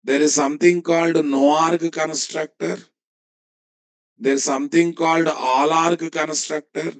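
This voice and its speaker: The audio is poor as a man with a Telugu Indian English accent leads a live coding session, reading out what he types. His voice is a little high, and he frequently repeats phrases and confirms that students are with him.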